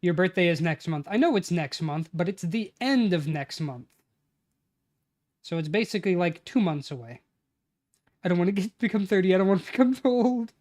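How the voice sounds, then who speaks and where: Here a man in his late twenties talks at a normal speed in a high-sitting, expressive voice with a darkish tone. Streaming casually while he writes a tabletop campaign, he mutters what he's typing, then banters loosely with friends and swears freely.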